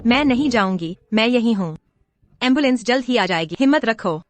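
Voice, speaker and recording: An actress playing a gentle young heroine who speaks anxiously and tenderly, in a drama dub. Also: female voice, a little high, animated, a little fast, no echo, close to an everyday voice.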